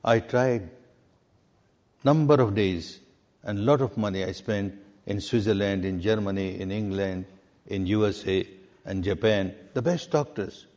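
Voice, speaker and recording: A man from Myanmar, a meditation teacher answering questions in a deliberate way and repeating key words for emphasis. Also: lowish voice, warm tone. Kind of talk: answering questions in a spiritual talk. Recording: long reverb of a hall.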